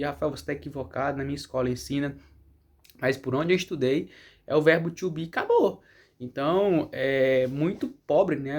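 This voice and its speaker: Chatty Brazilian man, slightly high voice. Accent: Brazilian Portuguese. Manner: chatty, rambling, frequent "né?" tag questions. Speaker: vlogger. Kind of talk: casual chat.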